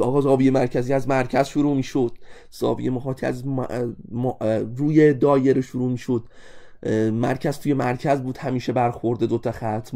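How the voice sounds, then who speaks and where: A man teaching an exam-review math lesson, animated and constantly addressing his students directly. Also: medium pitch.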